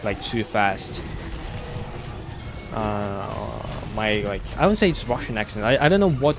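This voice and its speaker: A man with a slight British-sounding accent, chatting casually with viewers while streaming a game, talking haltingly with many restarts. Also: on the low side, vocal fry, background noise. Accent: slight British-sounding English, learned at school. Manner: halting, with frequent restarts and fillers. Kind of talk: casual chat while gaming live.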